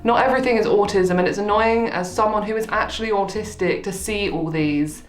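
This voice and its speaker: A woman's voice: mid-range voice, fairly quick. A woman casually reading out comments and reacting with dry, playful, self-deprecating sarcasm. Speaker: video creator. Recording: roomy echo, faint music behind. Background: faint music.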